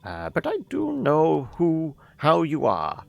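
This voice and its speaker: A performer putting on the voice of a kindly old woman mentor in a game, tender, halting and reassuring. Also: deep voice, wildly swooping pitch, creaky, darkish tone, lo-fi sound, slight background noise, full character voice. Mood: fond reminiscing.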